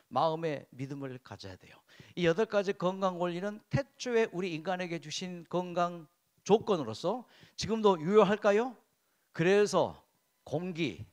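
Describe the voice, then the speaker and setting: A male pastor giving a health sermon in church, often asking the congregation questions and answering them himself. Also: fairly high pitch. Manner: drills listeners in call-and-response repetition.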